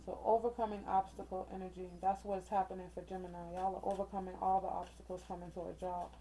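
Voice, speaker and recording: A tarot reader does a casual oracle card reading indoors under a ring light, speaking straight to viewers in a chatty, encouraging way, with slang, mild cussing substitutes and frequent "okay?" check-ins. Her lowish, dark voice is quick and flat in pitch. The audio is poor, with a little hiss or hum.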